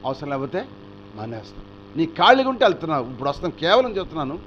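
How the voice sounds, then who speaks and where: Man, pastor, storytelling sermon, fairly high voice, dull lo-fi recording, faint hum. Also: quick pace. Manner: animated preaching with rhetorical questions to the congregation.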